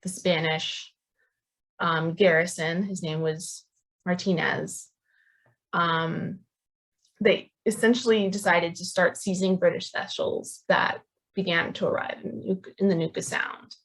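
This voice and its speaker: A woman giving an academic history talk, pausing often with ums and restarting her phrases. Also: on the low side, steady tone, a bit bright, poor audio. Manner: hesitant, many ums and restarts. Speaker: history lecturer.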